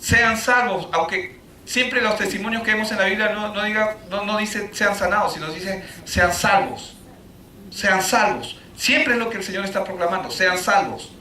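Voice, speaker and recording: A man preaching a sermon, full of rhetorical questions, rising to shouts and then dropping low. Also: moderate pace, a little hiss or hum. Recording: echoey room, voice from a distance.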